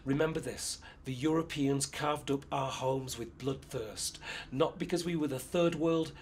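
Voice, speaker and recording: A man performing a spoken-word poem in a measured, rhythmic declaiming voice. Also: mid-range voice, darkish tone, a little hiss or hum. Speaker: poet.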